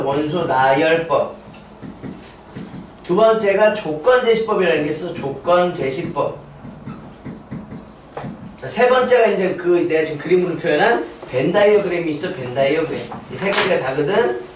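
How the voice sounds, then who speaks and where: A man's voice: sits high, lively intonation, moderate pace, slight background noise. A man teaching a math lesson at a board, explaining step by step and quizzing his students with questions. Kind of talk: whiteboard math lecture. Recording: roomy echo, mic set far off.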